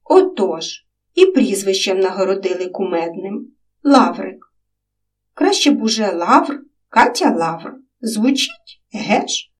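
A woman voicing a lively, headstrong little girl who hates lies, in a storybook reading. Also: mid-range voice, a little slow, recorded from a distance. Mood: spirited. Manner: bright, spirited, headstrong. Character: lively curly-haired young girl, truth-loving.

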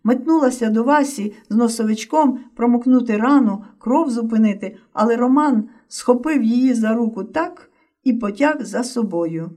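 A woman's voice: on the high side, warm tone, recorded from a distance. Woman reading a story, set back from the mic. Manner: measured, emotive storytelling. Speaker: narrator.

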